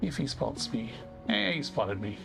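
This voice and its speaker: A man's voice: on the low side, animated, a little slow, gravelly, music in the background. A man giving casual gameplay commentary, thinking aloud in a self-deprecating way as he hosts. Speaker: gaming video host.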